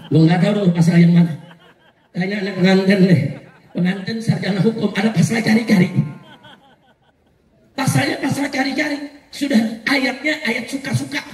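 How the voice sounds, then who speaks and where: Fiery male preacher, call-and-response style, booming hall reverb. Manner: shouting, rhetorical call-and-response questions. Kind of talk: fiery sermon to a crowd. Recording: echoey hall from far off.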